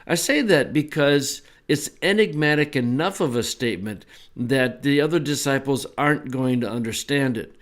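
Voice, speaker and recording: A man teaching a Bible lesson in a relaxed, conversational way, with small asides as he explains. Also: medium pitch, normal speed, hardly any pauses.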